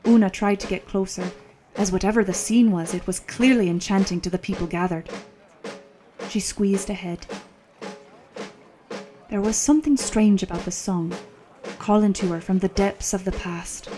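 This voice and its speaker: Calm woman narrating an audiobook. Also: medium pitch, music in the background. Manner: measured, calm storytelling. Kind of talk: scripted narration.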